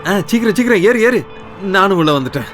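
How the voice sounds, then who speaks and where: A simple young stone-breaker, grieving and naive. His rustic talk rides a slightly high voice, with soft film music underneath. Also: animated, quick pace. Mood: anxious. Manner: plain rustic talk, tearful at times. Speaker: lead character. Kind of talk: Tamil film dub.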